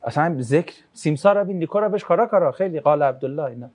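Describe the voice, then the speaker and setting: Speaking at a medium pitch, this teacher runs a casual religious lesson, voicing student questions and joking through the answers. A religious tradition gets told as a story, with the delivery shifting to match.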